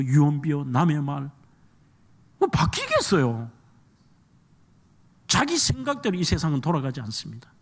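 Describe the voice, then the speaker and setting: A man's voice: fairly high pitch, fairly bright tone. A man pastor with a Gyeongsang accent, preaching a humorous, folksy, emphatic sermon in a church. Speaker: guest pastor.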